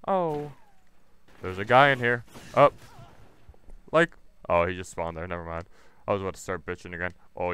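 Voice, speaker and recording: A man's voice: deep voice, fairly bright tone, clear, resonant tone. A man giving live gameplay commentary, ranting and swearing with irritation as he plays. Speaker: gaming channel host.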